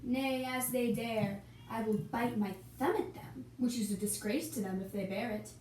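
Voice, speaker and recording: In a slightly high, somewhat mellow voice, a young woman recites archaic Shakespearean dialogue slowly and theatrically for an amateur puppet show. Her voice comes through a distant mic in an echoey room, with hiss in the background.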